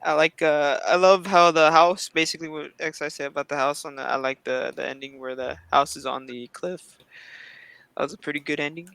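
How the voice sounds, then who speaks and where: Rambling man in a friends' chat. Bright, crisp, slightly high voice, dry sound. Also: steady tone, fairly quick, no echo. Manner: rambling, restarts often. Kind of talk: casual group chat.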